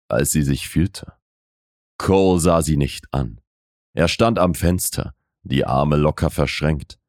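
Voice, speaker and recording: A man narrating a romance audiobook in a measured, intimate way. His voice is extremely deep and unhurried. The sound is close and dry. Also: a little mellow, dry recording. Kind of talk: scripted narration of a romance novel.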